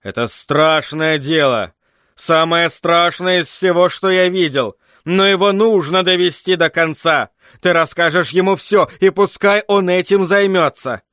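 A man voicing a stern father who serves as a royal butler, speaking slowly and firmly. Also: on the high side, a bit bright, dry recording, studio quality. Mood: urgent, firm.

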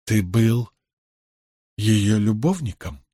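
Guy doing a tipsy young noble girl, proud, husky, pitch jumps around. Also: animated, slow, dark tone, no room sound, studio quality. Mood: accusing.

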